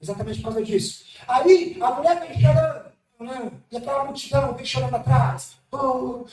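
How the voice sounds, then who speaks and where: High-voiced man preaching in an echoey hall. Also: a little fast. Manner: impassioned preaching with sudden shouts and hushed asides. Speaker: pastor. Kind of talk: sermon. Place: church hall. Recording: echoey church hall, mic at a distance, faint music.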